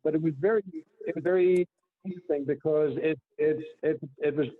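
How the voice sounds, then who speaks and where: A man's voice: fairly high pitch, steady tone, brisk, dry recording. A man calling in to give public comment at a city meeting, his call audio wobbling and warbling as he talks earnestly with many repeated words. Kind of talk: public comment on a budget item. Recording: tinny phone line.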